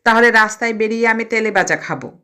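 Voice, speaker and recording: A woman's voice: fairly high pitch, quick pace, bright, forceful tone, clear, resonant tone. A woman voicing a defiant teenage schoolboy in an audio storybook, pleading and cheeky.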